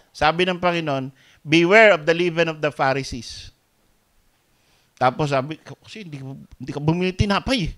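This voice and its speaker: A man with a Filipino accent preaching a sermon as pastor, mixing Tagalog and English, dropping to soft asides and rising to loud emphatic peaks. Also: on the high side.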